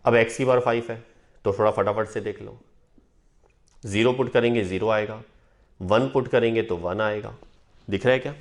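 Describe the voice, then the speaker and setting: Male math teacher, lower voice, board lesson, keeps checking in with the class. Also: steady tone, moderate pace, pauses often. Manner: checks in with students often. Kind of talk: whiteboard lesson.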